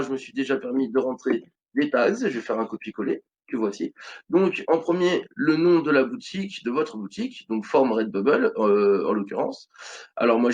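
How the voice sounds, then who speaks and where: A man in his thirties with a French accent, casually walking viewers through an online selling tutorial, with many fillers and restarts. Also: mid-range voice. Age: 30s. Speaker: online business tutorial host. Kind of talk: screen-recorded tutorial walkthrough.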